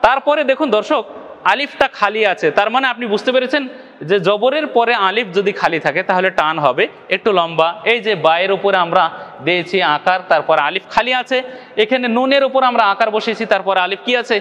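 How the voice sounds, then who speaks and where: Bangladeshi Bengali teacher, male, high voice, patient and repetitive, long reverb. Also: a bit bright, lo-fi sound. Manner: patient, repeats each point, often asks the viewer if they follow. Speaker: Quran recitation teacher. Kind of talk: video lesson.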